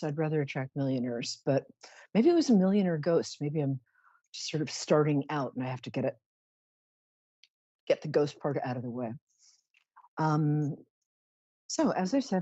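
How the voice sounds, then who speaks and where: A woman's voice: sits low, mellow, breathy edge, no room sound, lo-fi sound. A woman hosting a live psychic show in a chatty monologue, with a campy, theatrical, drag-queen-like delivery and playful, tongue-in-cheek grandiosity. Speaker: psychic radio show host.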